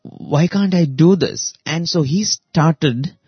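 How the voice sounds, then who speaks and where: Slow, deliberate male radio host. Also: fairly high pitch, slightly rough, no echo, dull audio, faint music behind. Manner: slow and deliberate with long pauses. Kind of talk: reflective spiritual talk.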